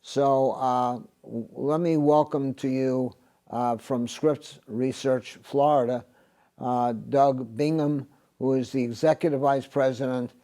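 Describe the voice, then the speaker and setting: An older man hosts an interview on a TV studio set, talking through a lapel mic. His voice is mellow and dark, and he stops often on filler sounds as he searches for words. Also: medium pitch. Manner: halting, many filler sounds. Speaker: host.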